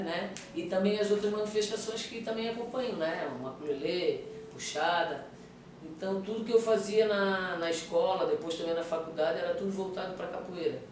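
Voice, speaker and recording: A middle-aged woman, a capoeira master reminiscing thoughtfully in an interview, with frequent restarts and tag questions. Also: sits low. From Florianópolis, Brazil. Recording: very echoey room, distant mic, noisy background.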